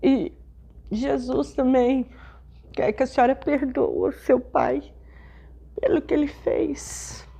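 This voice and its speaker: A middle-aged woman pastor, telling a personal testimony in a sermon with slow, emotional storytelling. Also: sits high, very animated, gravelly, warm tone, slightly rough.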